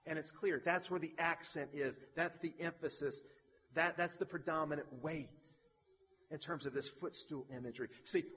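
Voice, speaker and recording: A man's voice: fairly high pitch, a bit bright. Man, pastor preaching a sermon, emphatic repetition, long hall reverb. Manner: emphatic preaching with repeated parallel phrases.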